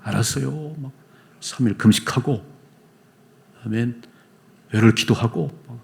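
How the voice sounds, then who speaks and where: An emphatic male pastor delivering a Sunday sermon in a church sanctuary. His pitch sits in the middle range for a man, and he drives his points home with insistent repetition. Now and then he slows down to lead the congregation through scripture. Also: fairly even intonation, darkish tone. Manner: emphatic, leads congregation in reading scripture aloud; acts out short quoted voices of people in the story.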